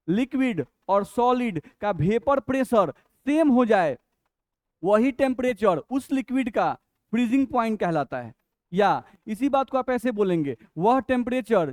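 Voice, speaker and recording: A man with a Bihari Hindi accent gives a chemistry lecture in a high, smooth voice. He works through each point patiently, putting questions to the class and answering them himself. The recording is close and dry. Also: a little mellow, no room sound. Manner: explains step by step, asks and answers his own questions; reads English definitions slowly and deliberately. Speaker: chemistry teacher.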